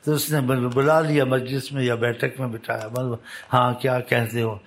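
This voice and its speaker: A man preaching by storytelling, voicing the people in his tale with lifted pitch, with halting restarts and repetitions. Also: level tone. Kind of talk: storytelling sermon.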